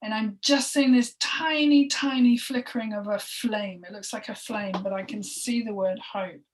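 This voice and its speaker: A woman speaks through a spoken energy healing session in a halting, heartfelt way, sighing and dropping into soft breathy asides. Her voice sits a touch high. She is recorded a little away from the microphone. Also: fairly even intonation, slight background noise. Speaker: healing session practitioner and co-host. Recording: voice distant from the mic.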